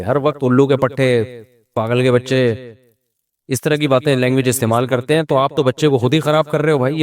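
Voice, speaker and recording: A man's voice: mid-range voice, a little mellow. A middle-aged man with a Pakistani Urdu accent, giving informal religious advice on raising children, telling stories with joking asides and rhetorical questions. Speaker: Islamic scholar giving advice.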